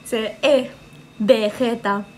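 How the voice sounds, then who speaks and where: A woman's voice: on the high side, steady tone, very slow, slight background noise. A young woman with a Peruvian accent chatting on a livestream, reading out comments and joking. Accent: Peruvian Spanish. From Peru. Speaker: streamer.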